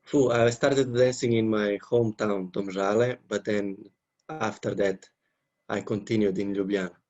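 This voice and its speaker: A man's voice: lowish voice, fairly even intonation, normal speed, a little mellow, dull audio. A man in his twenties, a dancer, answering interview questions unhurriedly in English. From Slovenia. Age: 20s.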